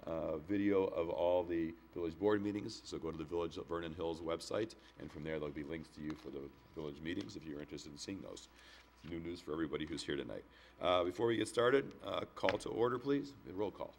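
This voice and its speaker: A man's voice: deep voice, slight background noise. An American man chairing a formal public meeting in a plain, businesslike way, with the sore throat of someone getting over a cold. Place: village board meeting room, on microphone.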